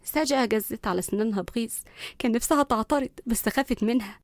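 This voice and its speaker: A woman with an Egyptian accent narrating a comic family story briskly. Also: fairly high pitch. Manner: brisk, lively reading.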